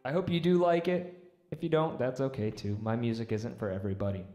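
A man's voice: medium pitch, steady tone, fairly quick, mellow, reverberant. A man live-streaming his music, chatting casually with viewers and answering their comments in an easygoing, rambling way. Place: room set up for live music. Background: instruments.

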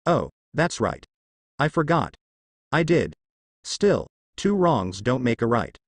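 A gloating male demon with a lively, swinging voice that taunts and mocks, as a male narrator plays him. His lines sound close and dry. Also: medium pitch, slow, no room sound. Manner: taunting, mocking.

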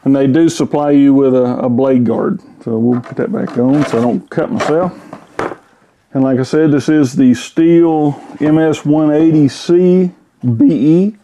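In his home garage, a tool reviewer talks through a chainsaw in a loose, folksy manner full of fillers. His slightly high voice has a dark tone and a measured pace, and the camera-mounted mic picks up a little hiss or hum.

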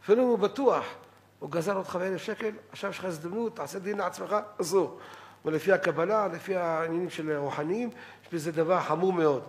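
Middle-aged male rabbi, lecture style, slightly high pitch, lively, quotes others in acted voices. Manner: animated, quotes others in acted voices, repeats words for emphasis. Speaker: rabbi giving a weekly Torah lecture. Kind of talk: Saturday-night halachic lecture.

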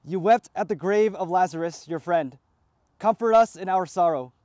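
A man, a priest, reciting the prayers of a graveside funeral rite in a measured liturgical cadence. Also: sits high, a little mellow, dry recording, studio quality.

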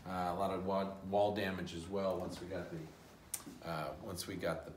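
A middle-aged man giving a casual guided tour of a museum's restored rooms, often pausing with fillers as he walks and explains. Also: deep voice, flat delivery, recorded from a distance, a little hiss or hum. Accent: Pacific Northwest American. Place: large empty house museum rooms with bare walls, indoors. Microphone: handheld phone camera following him, often several steps away. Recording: roomy echo, speaker off mic.

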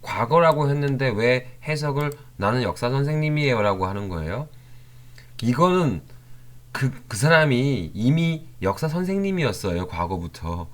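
A man's voice: medium pitch, a little slow. A man teaching an English grammar lesson online, reading example sentences aloud and checking back with his learners as he goes. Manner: explains while typing, reads English example sentences aloud; lively, with many rising questions to the learners.

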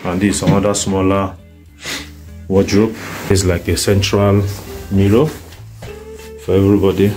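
A man from Nigeria filming a flat on his phone, pointing out each room in a slow, halting way. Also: deep voice, faint music behind, poor audio. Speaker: tenant viewing a flat. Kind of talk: casual home tour on phone video. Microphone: phone camera.

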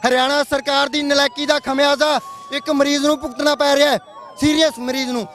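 Male field reporter, very high voice, urgent, impassioned, outdoors at a barricade. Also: flat delivery, a little fast, fairly bright tone, some chatter behind, a little hiss or hum. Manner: urgent, impassioned, appealing to officials. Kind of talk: live on-the-spot news report.

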